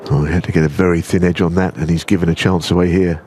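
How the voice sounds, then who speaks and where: A man giving understated, analytical snooker commentary in the hushed, measured manner of a golf commentator. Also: sits low, fairly even intonation, slight background noise.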